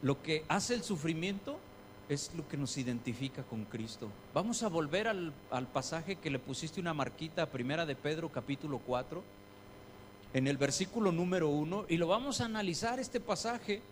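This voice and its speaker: Male pastor, lively sermon delivery, high voice, light hum in the recording. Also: normal speed. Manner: animated, acts out quoted pleas and God's replies; reads scripture aloud.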